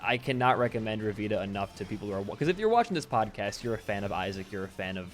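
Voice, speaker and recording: A nineteen-year-old man co-hosting a podcast, chatty and quick to laugh, often trailing off quietly at the ends of sentences. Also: lowish voice, expressive, faint music behind. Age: teens. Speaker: podcast co-host. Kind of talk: casual podcast chat.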